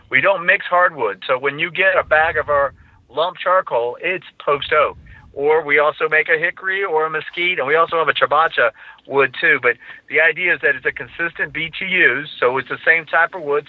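A man with a fairly high voice explains things at length as a podcast guest, often stumbling over the first words of a sentence before he finds his way. He comes through a narrow, tinny line like a phone call. The sound is dry, with no room around it. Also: no echo. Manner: explanatory, repeats words when starting sentences. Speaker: charcoal company representative.

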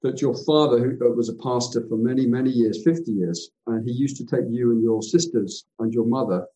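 Mellow man hosting. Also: medium pitch, brisk, rough recording. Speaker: podcast host. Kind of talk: interview hosting.

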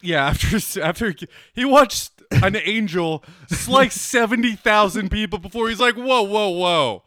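Guy with a high bright voice making crude jokes and doing quick voices, dry close sound. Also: dry recording. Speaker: podcast co-host. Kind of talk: casual comedic chat.

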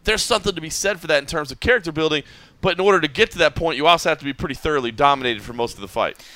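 Guy hosting a fight podcast, bright crisp voice, chatty, keeps restarting phrases. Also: a little high, no echo. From Texas, United States. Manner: talkative, restarts phrases, quick to laugh. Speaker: podcast host. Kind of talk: casual post-fight recap chat.

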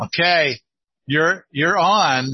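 A man's voice: on the high side, takes it slowly, slightly rough, soft background music. A man with a northeastern Oregon accent hosting a casual podcast consultation, rambling and self-deprecating with many restarts. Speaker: podcast host and permaculture consultant. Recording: dull lo-fi dry sound.

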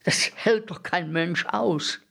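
A man's voice: sits high, takes it slowly, creaky, sharp tone, pitched above the performer's own voice, heavily acted. A man voicing a weary young soldier returning from war in a story reading.

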